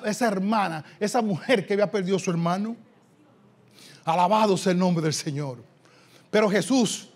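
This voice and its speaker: A man preaching a sermon with a high, bright-toned voice. His delivery moves from loud, fervent declarations to quiet, low-pitched passages, and he draws out scripture quotes slowly for weight. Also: slightly rough. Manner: impassioned preaching, swinging from loud shouts to low hushed lines; slow, drawn-out reading of quoted scripture. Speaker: pastor.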